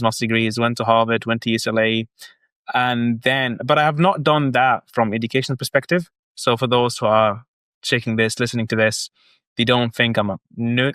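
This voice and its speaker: Speaking as a guest on a relaxed business podcast, this marketing agency founder from Egypt, a man in his thirties, lays out his work earnestly, one step at a time. His voice is medium in pitch and fairly bright, clean, with no room sound.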